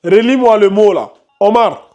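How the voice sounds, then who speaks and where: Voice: mid-range voice, animated, moderate pace, mellow, dull audio. Patient teacher quizzing students by name. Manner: patient, repeatedly questions and corrects students by name. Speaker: Quran recitation teacher. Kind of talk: class lesson with students.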